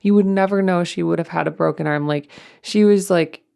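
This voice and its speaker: Woman, podcast co-host and mom; rambling casual chat, lowish gravelly voice. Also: brisk, mellow. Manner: rambling, chatty, many fillers.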